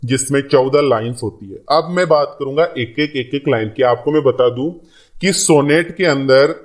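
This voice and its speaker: A man's voice: medium pitch, normal speed. A man teaching an English lesson in Hindi, repeating key points and reading English lines aloud. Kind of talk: classroom lecture.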